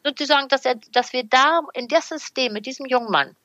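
A middle-aged woman talks on a podcast. Her voice sits a little high and she tells stories in a lively way, acting out quotes. The sound is dry and close. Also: brisk, no echo, muffled recording. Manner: lively storyteller, acts out quotes. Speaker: sex therapist guest. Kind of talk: casual podcast chat.

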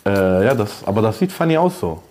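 A man's voice: fairly low pitch, very animated, fairly quick, darkish tone. A man co-hosting a podcast in casual chat, teasing and joking, calling the others "Bruder". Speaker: podcast co-host.

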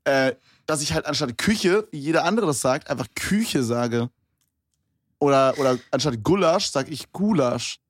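A man's voice: medium pitch, moderate pace, no room sound, studio quality. A young man from eastern Germany, co-hosting a podcast in slangy casual chat and laughing often. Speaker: podcast co-host.

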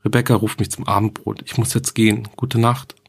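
A man's voice: lowish voice, flat delivery, a little fast, gravelly, slightly rough. A man reading the diary entries of a frightened young schoolgirl who writes to her dead mother.

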